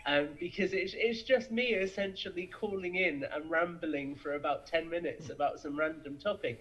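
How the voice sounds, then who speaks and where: On a podcast with dull, lo-fi sound, a young adult from the United Kingdom talks as a guest in a fairly high, fairly bright voice. His chat is casual and full of enthusiasm.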